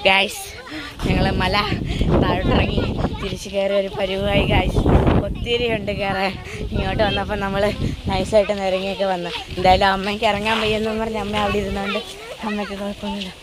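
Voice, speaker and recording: A woman's voice: medium pitch, flat delivery, fairly quick. A woman vlogging casually outdoors, exclamatory and mixing Malayalam with English words. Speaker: travel vlogger. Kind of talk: casual travel vlog chat to viewers, Malayalam-English mix. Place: outdoors at windy hill viewpoints. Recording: very loud wind and vehicle noise.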